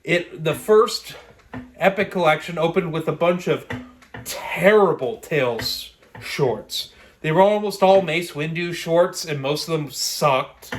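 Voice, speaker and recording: A man's voice: on the high side, slow. A man giving a casual, rambling, opinionated solo vlog talk while exercising on a treadmill. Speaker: host of a book and comics review vlog.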